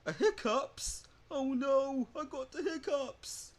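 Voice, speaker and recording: A home performer voicing a cartoon bird with the hiccups in a plush puppet show, talking excitably and jumping high when alarmed. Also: brisk, lightly acted.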